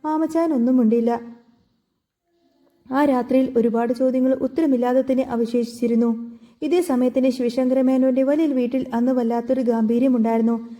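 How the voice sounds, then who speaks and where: A woman's voice: sits high, fairly even intonation, moderate pace, warm tone. A woman narrator reading a serial drama story evenly from a script.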